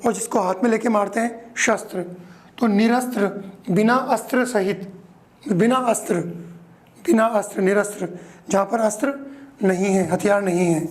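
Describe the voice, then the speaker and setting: Patient male Hindi grammar teacher. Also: high voice. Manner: explains slowly, repeating each word; checks in with "है ना".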